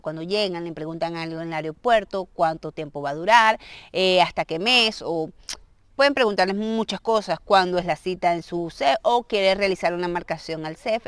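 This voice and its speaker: A woman with a medium-pitched voice gives a casual video lesson. She is a native Spanish speaker and explains things patiently and step by step. She keeps checking that her viewers follow along. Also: no room sound. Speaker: language teacher.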